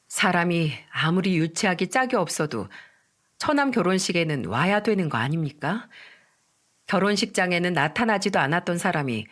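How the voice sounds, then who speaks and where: A woman reading a first-person story in scripted narration, with an indignant, emphatic manner. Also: fairly low pitch.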